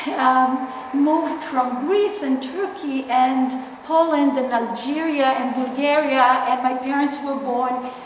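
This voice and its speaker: A woman's voice: high-pitched, fairly even intonation, slow. A middle-aged woman from Israel giving a gallery artist talk, speaking hesitantly with many fillers and restarts. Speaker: exhibiting artist. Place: large gallery hall. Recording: echoey hall, distant from mic, noisy.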